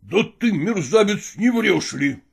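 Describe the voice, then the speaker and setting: A woman reading a storybook, voicing an enraged old male nobleman who blusters and shouts. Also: mid-range voice, lively intonation, unhurried, creaky, husky, pitched below the performer's own voice, heavily acted. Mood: furious.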